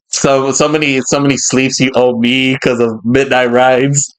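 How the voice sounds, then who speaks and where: A man's voice: medium pitch, flat delivery, measured pace, clean tone, low-quality recording. A man hosting a podcast in casual chat, rambling and laughing often. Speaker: podcast host.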